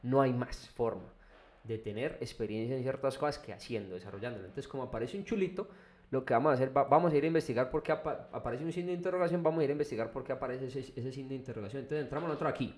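A man's voice: mid-range voice, very fast, darkish tone. A man, walking viewers through an engineering program in a casual screen-recorded lesson, with frequent restarts and checks of "¿listo?". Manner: conversational, repeats "¿listo?" and restarts often. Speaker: engineering instructor. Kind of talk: screen-recorded software tutorial.

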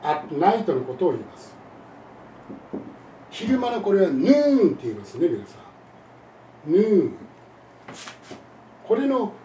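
A man's voice: sits high, mellow. A man who teaches English, telling a scornful, indignant story to camera as a lesson. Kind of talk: monologue lesson and complaint to camera. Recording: echoey room, distant mic, faint noise.

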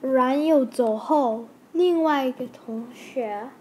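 Woman teacher reading a story for learners. Very slow and deliberate, with audible background noise. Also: high-pitched, a little mellow, poor audio. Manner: slow, halting, carefully paced reading.

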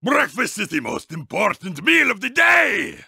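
An actor playing a bombastic, villainous monster truck in a video game, with vampire-count theatrics and a raspy, gravelly voice, shouting taunts. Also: male voice, high voice, huge pitch swings, unhurried, no room sound, clean studio sound, full character voice. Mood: menacing, boastful. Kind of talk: video game character voice clips.

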